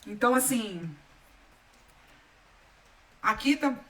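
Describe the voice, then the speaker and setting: Chatty Brazilian woman, bright voice. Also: on the high side, takes it slowly, far from the mic. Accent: Brazilian Portuguese. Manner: chatty, emphatic, lively with asides to viewers. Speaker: holistic wellness channel host. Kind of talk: casual spiritual talk to viewers.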